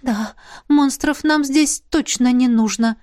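A woman voicing a small, timid female fairy with a squeaky voice. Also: slow, a little mellow, no room sound, studio quality.

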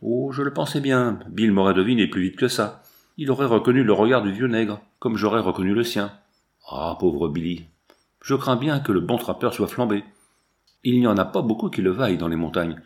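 A man voicing a jovial old male mountain trapper with a gruff, folksy, cackling manner. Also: lowish voice, normal speed, lightly acted. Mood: surprised, then rueful.

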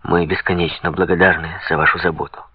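A man reading the part of a poor, weary young nobleman who talks low and resigned, in a dull lo-fi recording. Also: flat delivery, brisk, slightly rough, no echo, distant mic. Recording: dull lo-fi sound.

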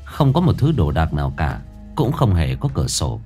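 A man narrating a dark thriller story in a measured, suspenseful way. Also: extremely low pitch, wildly swooping pitch, faint music behind.

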